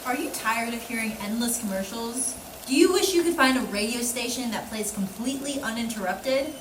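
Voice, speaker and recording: Woman doing radio commercial announcer, scripted, salesy, high-ish voice, roomy echo. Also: a little fast, loud music behind the voice, lightly acted. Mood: salesy, upbeat. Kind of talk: scripted parody advert.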